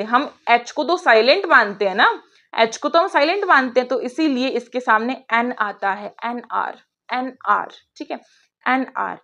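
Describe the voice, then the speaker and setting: A woman's voice: a little high, fairly bright tone. A young woman teaching an online grammar class, chatty, asking her pupils questions and answering them herself. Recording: dull lo-fi sound.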